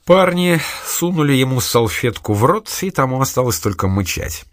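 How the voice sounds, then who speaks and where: A man narrating an audiobook in a steady, even reading style. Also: medium pitch, moderate pace, no echo, clean studio sound. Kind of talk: scripted narration.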